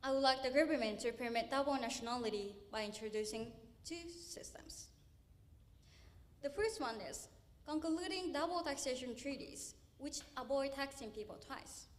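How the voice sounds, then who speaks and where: High-voiced young woman giving a speech. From Japan. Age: young adult. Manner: earnest, with deliberate emphatic pauses. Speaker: university student speech contestant. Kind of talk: memorized speech contest address. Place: university auditorium stage.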